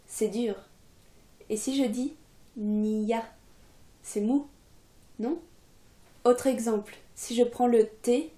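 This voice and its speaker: Relaxed young woman teacher, unhurried and chatty, warm low-key tone. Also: roomy sound. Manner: relaxed, chatty, many fillers. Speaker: Russian teacher, channel coordinator. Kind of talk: casual video lesson.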